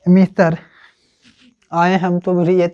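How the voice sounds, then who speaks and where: Slow-spoken grammar tutor who keeps checking in with the class, on a dull lo-fi recording. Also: medium pitch, a little mellow. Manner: slow, repetitive, checks with "ठीक है ना?" often. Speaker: English grammar teacher. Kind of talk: classroom-style grammar lesson.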